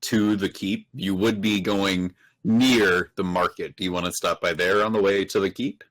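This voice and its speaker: A man narrating as game master of a tabletop game, describing scenes in an unhurried way with many fillers. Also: deep voice, steady tone, a bit bright, low-quality recording.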